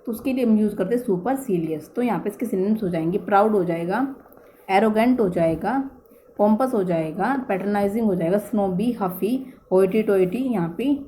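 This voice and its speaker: A woman's voice: medium pitch, mellow, a little hiss or hum. A woman from India teaching English vocabulary in Hindi, repeating words and correcting herself as she goes.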